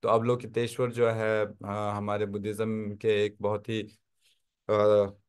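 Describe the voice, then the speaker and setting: A man's voice: on the low side, completely flat delivery, measured pace, a little mellow, smooth. A man teaching a Tibetan script class online, explaining step by step and often checking that his listeners follow. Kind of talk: online language lesson.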